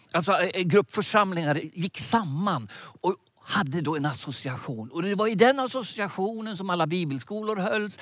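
A man in his sixties preaching a sermon outdoors with animated gestures, speaking into a headset mic. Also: on the high side, no echo. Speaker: preacher and mission leader. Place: outdoors by a lake.

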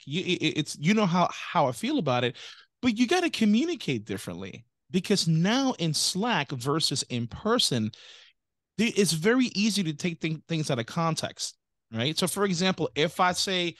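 A man's voice: on the high side, fairly bright tone, no echo, studio quality. A man co-hosting a business podcast in casual chat, rambling and interrupting himself with tangents. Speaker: podcast co-host.

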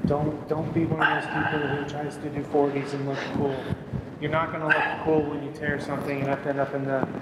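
A man's voice: a little high, level tone, a little fast. A man working as a fitness trainer, coaching a workout with an upbeat, encouraging manner and counting reps. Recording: echoey hall with background noise.

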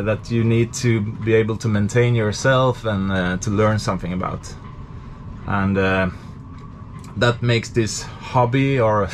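A man's voice: on the low side, a little hiss or hum. Swedish man chatting from a boat compartment. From Sweden. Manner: relaxed, thinking aloud with many fillers. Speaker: sailing vlogger. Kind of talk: casual explanatory vlog. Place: cramped engine compartment on a boat.

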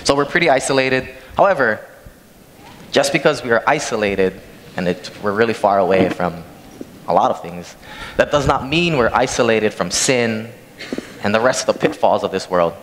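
Low-voiced young preacher in a big echoing church. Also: male voice, animated, normal speed, fairly bright tone. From Hawaii. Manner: plain conversational storytelling, walking the stage. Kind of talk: sermon with scripture reading. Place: large church sanctuary stage. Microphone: handheld microphone from a far camera. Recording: long church hall reverb, faint noise.

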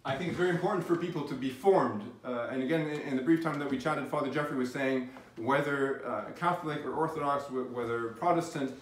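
A middle-aged physician giving a faith-based lecture, speaking earnestly and haltingly, with many restarts. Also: male voice, medium pitch. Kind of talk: faith-based academic talk. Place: lecture room. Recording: very echoey room, distant mic, faint noise.

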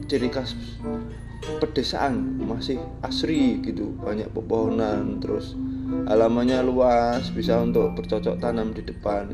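A man riding a motorbike through village roads, giving jokey running commentary to his viewers. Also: fairly low pitch. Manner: chatty, jokey, addresses viewers as "Lur". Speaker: motovlogger. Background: background music.

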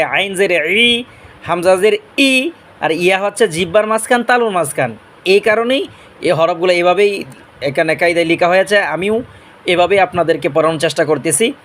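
A man with a rather high voice, a native Bengali speaker, teaches Quran pronunciation. He sounds out Arabic letters slowly, one at a time, and then explains each in plain, patient speech. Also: a bit bright. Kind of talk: slow letter-by-letter pronunciation lesson.

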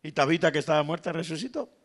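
A pastor with a Colombian accent preaches a sermon in a fairly high, animated, fast voice. He tells stories, acts out the lines he quotes, and often calls his listeners "hermano," or brother.

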